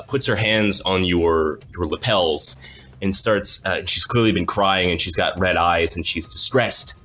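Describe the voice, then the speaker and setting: A man runs a tabletop game in a loose, profane, joking way. His voice is lowish but bright and forceful. Faint music plays underneath. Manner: casual, profane, laughing asides. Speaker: game master.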